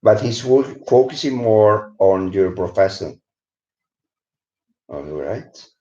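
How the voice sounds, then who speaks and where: Slow, low-voiced Spanish-accented English teacher. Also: male voice, animated, mellow. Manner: switches between English and Spanish, keeps asking "¿vale?". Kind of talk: live-streamed book review lesson. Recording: roomy, dull lo-fi stream audio.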